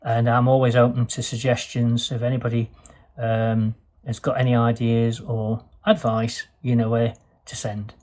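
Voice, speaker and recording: A man's voice: mid-range voice, flat delivery, normal speed, a little mellow, no room sound. A man giving a casual, rambling video tour of his boat, filmed indoors on a handheld camera. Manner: chatty, rambling, with fillers. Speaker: vlogger showing his boat. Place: narrowboat cabin, indoors.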